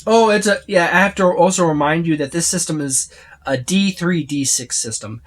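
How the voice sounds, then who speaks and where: This is an unscripted, easygoing walkthrough of a tabletop game book by a reviewer speaking at medium pitch and moderate speed. The talk wanders, circling back on itself and stringing items together in long lists.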